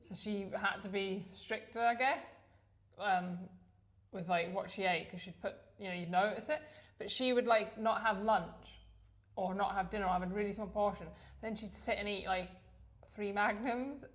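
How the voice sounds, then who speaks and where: A woman's voice: medium pitch, normal speed. A woman in her thirties co-hosting a podcast, chatting casually, self-deprecating and laughing often. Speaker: podcast co-host. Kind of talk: casual chat.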